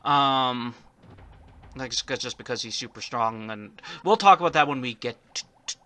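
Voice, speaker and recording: A man's voice: mid-range voice, normal speed, bright, forceful tone. A man giving casual let's play commentary, rambling and often stuttering on the first syllables of words.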